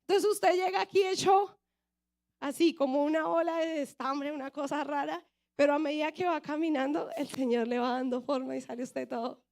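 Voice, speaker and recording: A woman's voice: high-pitched, moderate pace. A young woman with a Colombian Bogotá accent preaching a sermon and telling her own testimony, often asking the audience questions. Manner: lively storyteller, asks the audience questions. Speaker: youth preacher.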